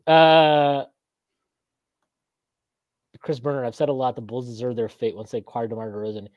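A man's voice: mid-range voice, fairly even intonation, moderate pace, darkish tone, no echo, highs cut off. A man in his thirties hosting a casual postgame sports chat on a video call, rambling and reading out viewer comments with frequent laughs. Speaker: podcast host. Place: small room indoors. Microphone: video call webcam.

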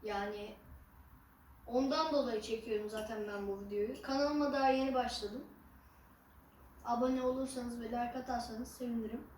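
A woman chatting casually to viewers as an eating vlogger, halting and unhurried, with some drawn-out words. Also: fairly high pitch, steady tone, darkish tone. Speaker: mukbang ASMR vlogger. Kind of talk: casual chat to camera while eating. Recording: roomy echo, distant mic, faint noise.

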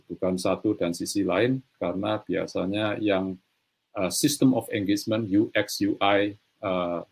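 Over a webcam from a small room, a middle-aged man delivers a virtual conference keynote, hesitant with many restarts, "eh"s and frequent "right, so" fillers. His voice is low, darkish and husky, with vocal fry.

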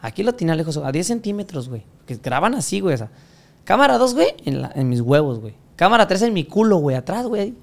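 A man's voice: high voice, sing-song, fast, vocal fry, a little mellow. A young Mexican man, a podcast guest, telling crude stories full of profanity and acting out the voices of people he quotes. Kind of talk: casual storytelling interview.

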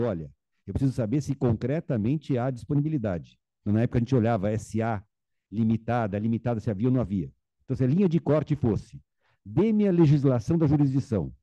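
A man chairing a formal debate in a conference room, arguing emphatically and adding quick asides. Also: mid-range voice, dark tone, dry recording. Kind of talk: formal discussion and moderating.

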